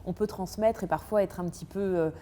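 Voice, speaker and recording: A podcast host conducts an interview in an ornate hall, asking questions and affirming her guest in a friendly way with frequent agreement. Her voice sits on the low side and is mellow, with fairly even intonation and a slightly fast pace. A little hiss or hum can be heard.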